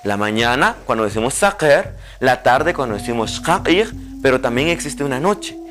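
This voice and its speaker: Animated man teaching pronunciation. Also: mid-range voice, faint music behind. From Guatemala. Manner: slow, carefully spelled-out pronunciation drills. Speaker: language teacher. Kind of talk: televised language lesson.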